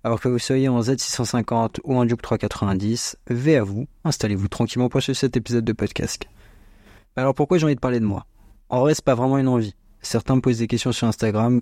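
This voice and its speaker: A young man of about twenty hosts a podcast with a scripted but chatty, slang-filled monologue, recorded on a small home microphone in a small bedroom at his parents' home. His mid-range voice is a little fast and dark-toned, with dry, studio-quality sound and no room echo.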